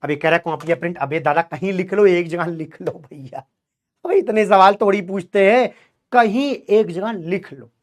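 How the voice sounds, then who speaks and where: A man's voice: high voice, normal speed. A male chemistry teacher lecturing a class, drilling students with call-and-response questions in a colloquial, teasing way.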